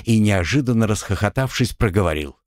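A man narrating a fiction audiobook with expressive storytelling. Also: on the low side, fairly quick, no echo, clean studio sound. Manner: expressive storytelling with acted dialogue.

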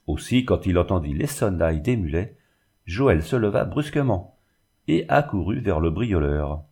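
Low, husky male audiobook narrator. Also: sing-song, normal speed, darkish tone. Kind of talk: audiobook reading of a novel.

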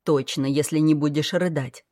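A woman's voice: deep voice, fairly even intonation, normal speed, a little mellow, no echo, natural voice. A woman voicing a weary, wry young man speaking to a child in an audiobook, in a dry, matter-of-fact manner. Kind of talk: audiobook character voice.

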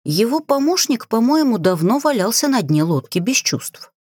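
A woman narrating a humorous first-person story aloud in an animated, playful way. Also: on the high side, moderate pace, husky, dry recording, clean studio sound. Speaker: audiobook narrator.

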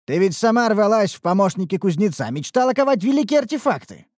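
A tight-fisted, boastful slave trader, as an audiobook narrator puts him on, haggling with lively pitch. The reading is close and dry. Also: fast, no room sound. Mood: scolding. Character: stingy scheming male slave trader. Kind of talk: audiobook character voice.

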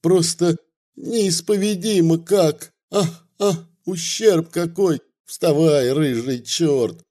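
A sly, bearded village miller played by a man reading a story talks in a raised, wheedling voice, fawning and then pleading. The reading is unhurried and the tone stays dark and mellow. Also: fairly high pitch, expressive.

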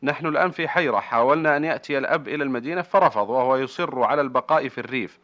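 A man's voice: medium pitch, racing. A man presenting a radio programme in formal Standard Arabic, reading out listeners' letters in precise wording. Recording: slightly dull lo-fi radio recording.

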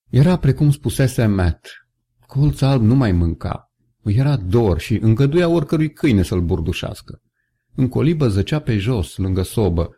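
A man with a husky voice reading a story aloud, measured and steady, giving the characters' lines a little colour. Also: lowish voice. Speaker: audiobook narrator. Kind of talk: scripted narration.

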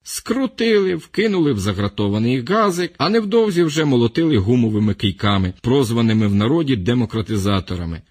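A man reading a short story aloud in a steady, measured storytelling manner. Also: medium pitch, slightly rough. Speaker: narrator.

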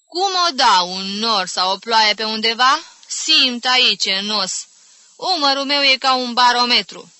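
A woman's voice: a little high, animated, bright, forceful tone, smooth, no echo, pitched above the performer's own voice. A woman voicing an elderly complaining aunt who exaggerates her aches with theatrical groans. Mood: suffering. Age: older. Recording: dry close studio reading.

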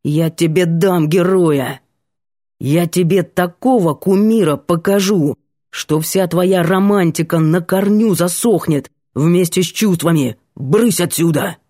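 A woman reading an audiobook, voicing a rude, gruff young male student who talks brusquely and threatens. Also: lowish voice, slow pace, warm tone, dry recording, studio quality. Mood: angry.

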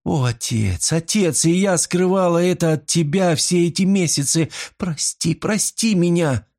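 A devoted young daughter in a storybook, gentle and earnest, as a man puts her on. She speaks higher than the narrator, pleading and sincere. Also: measured pace.

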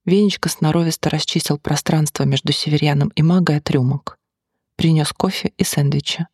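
An audiobook narrator reading a novel in an even, measured way. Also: mid-range voice, husky, no echo, studio quality.

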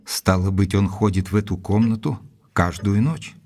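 An actor playing Dr Watson, an earnest, dutiful gentleman narrating his report in a measured, literary manner for an audio drama. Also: on the low side, soft background music, natural voice. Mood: concerned. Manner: measured, deliberate, literary phrasing.

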